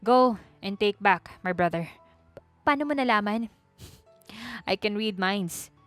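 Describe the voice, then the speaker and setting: A woman voicing a relaxed, teasing rich young man who speaks slowly and coolly. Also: medium pitch, dry recording, faint music behind. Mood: teasing calm.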